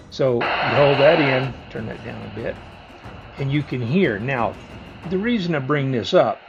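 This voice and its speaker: A product reviewer with a medium-pitched voice walks through a product hands-on, explaining each step in a casual, plain-spoken way. The audio sounds dull.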